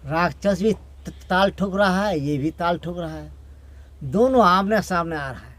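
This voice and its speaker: A male storyteller narrates a folk tale aloud in a high voice. He moves slowly, repeating words and drawing out each phrase. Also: lively intonation, fairly bright tone. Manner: repetitive, drawn-out phrasing.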